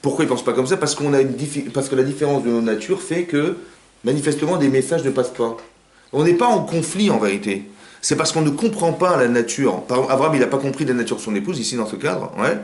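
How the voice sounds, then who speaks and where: A man who is a rabbi giving an informal Torah class in a private home, talking quickly and firing rhetorical questions at his listeners. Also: medium pitch. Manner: rapid, animated, asks the audience rhetorical questions. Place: living room of a private home. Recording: roomy home recording.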